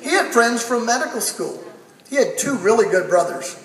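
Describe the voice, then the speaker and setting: A man's voice: very high voice, very animated, moderate pace, slight background noise. A middle-aged man giving a folksy town-hall speech from a podium, building a repeated punchline. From Texas. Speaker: family doctor introducing a speaker. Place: large theater stage with crowd. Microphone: podium mic, recorded by a far audience camera. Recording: echoey hall from far off, loud crowd.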